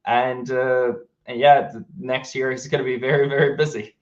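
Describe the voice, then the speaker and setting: A man from Hungary with a Hungarian accent, a game studio co-founder chatting casually in an interview, relaxed and full of fillers and restarts. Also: medium pitch, normal speed, dull audio.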